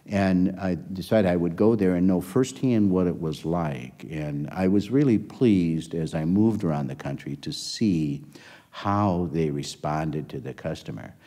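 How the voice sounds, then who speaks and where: A man's voice: sits low, a little slow, warm tone. An older man being interviewed about his career, telling stories at a rambling pace, with many restarts. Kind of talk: oral history interview storytelling. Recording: long hall reverb.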